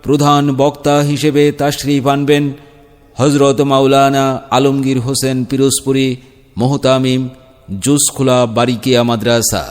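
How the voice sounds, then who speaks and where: Man announcing over a loudspeaker, booming reverb. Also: level tone, smooth. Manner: formal, measured public-address delivery. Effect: announcement sounding through a loudspeaker with long reverb. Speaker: event announcer.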